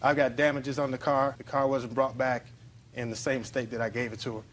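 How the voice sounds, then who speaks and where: A man's voice: mid-range voice, flat delivery, a little fast, a little hiss or hum. A man giving colloquial, matter-of-fact testimony as a plaintiff on a TV court show. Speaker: plaintiff in TV small-claims court.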